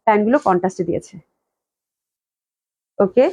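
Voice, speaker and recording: Still coughing from a cold, a shop owner hosts a live online dress sale indoors at her company office. Her medium-pitched, warm voice moves briskly as she enthusiastically gushes and repeats her praise for the clothes.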